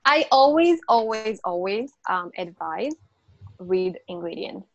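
A woman with a medium-pitched voice speaks slowly with lively intonation; the recording has no echo but the highs are cut off. English isn't her first language. As a natural health coach guesting on a podcast, she explains nutrition in a casual interview, emphatic and repetitive, with frequent restarts and fillers.

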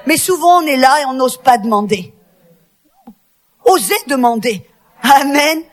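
A woman with a high, bright voice preaches, turning a personal story into fervent exhortation. She swells into shouted, half-sung climaxes and then drops low and quiet. She speaks straight to the women listening. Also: animated, unhurried. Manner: addresses a women's audience directly. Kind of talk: sermon.

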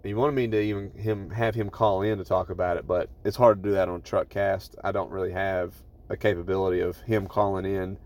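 Low-voiced man, casual profane podcast host. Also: level tone, fairly quick, few pauses, darkish tone. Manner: profane, informal, emphatic. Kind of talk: casual solo podcast monologue, rambling anecdotes. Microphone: phone voice recorder app.

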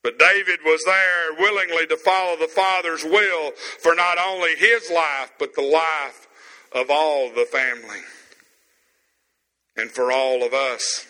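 A man preaching a sermon as pastor, stressing words slowly with pauses, in an empty room. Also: fairly high pitch, fairly even intonation, pushed and bright, big-room sound, rough recording.

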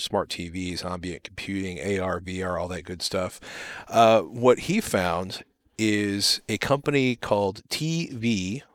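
A man's voice: sits low, no room sound. A man co-hosting a home theater tech show in casual chat, wry and rambling, often restarting his sentences.

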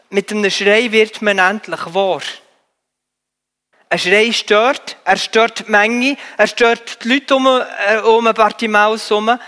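High, bright-voiced preacher man in a hall. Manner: earnest, pleading, often halting with fillers. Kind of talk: sermon.

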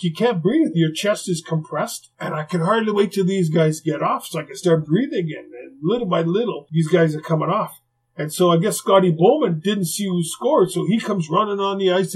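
An older man, a retired hockey player, tells stories in an interview in a lively, conversational way, with frequent asides and acted-out quotes. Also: fairly high pitch, breathy edge, rough recording. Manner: lively, conversational, heavy on "you know" asides, acts out quotes. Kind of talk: anecdotal interview storytelling.

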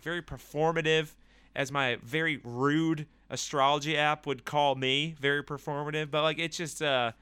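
A man's voice: medium pitch, pushed and bright, clean tone, no room sound. A young man from the US Northeast, rambling through a casual solo rant, sarcastic and profane. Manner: rambling, sarcastic, profane, with mocking put-on voices.

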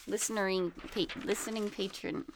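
A woman's voice: mid-range voice, steady tone, moderate pace, slight background noise. Dry, understated woman podcast co-host. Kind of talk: casual chat.

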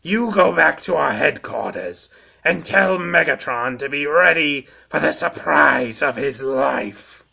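A man voicing an evil robot beetle henchman from a storybook, eager and wicked, with deliberate delivery. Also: a little high, lively intonation, vocal fry, pushed and bright, husky, exaggerated voice. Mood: wicked, excited. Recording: dull lo-fi audio.

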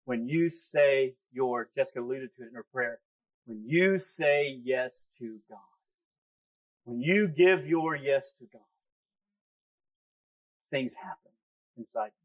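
A man's voice: mid-range voice, slow, long pauses. A man preaching a sermon as pastor, emphatic and repeating key phrases for effect. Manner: emphatic, repeats key phrases, talks back to his own flesh.

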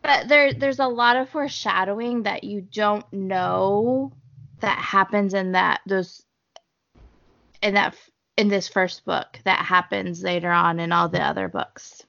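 A woman's voice: mid-range voice, a little slow, creaky, sharp tone. A woman co-hosting a casual book-club podcast, laid-back as she explains foreshadowing and reassures a friend. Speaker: podcast co-host. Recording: dull lo-fi podcast audio.

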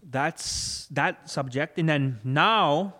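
An earnest young man tells his personal story as an interview guest, his voice on the higher side and sinking soft and low when he is moved. The recording carries a long reverb from the room. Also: very slow. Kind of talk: emotional personal testimony. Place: room where he married.

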